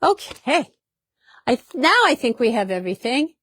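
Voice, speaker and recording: A woman's voice: a little high, big pitch swings, normal speed, fairly bright tone, slightly rough. A woman hosting a casual product demonstration in a fabric shop, chatty and upbeat, often repeating herself.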